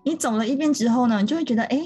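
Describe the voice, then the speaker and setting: Woman, podcast co-host, mellow tone, breathy edge, earnest and explanatory. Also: a little high, rapid-fire, faint music behind. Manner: earnest, explanatory, talks through steps. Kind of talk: casual chat.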